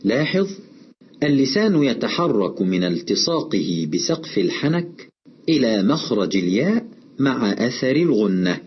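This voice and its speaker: A man with a husky, slightly breathy voice gives a scripted lesson at a measured, explanatory pace. The recording is dull and lo-fi, like a simple voice-over. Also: medium pitch, sing-song. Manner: measured, explanatory, slows to recite examples. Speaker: Quran recitation teacher. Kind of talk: scripted instructional narration.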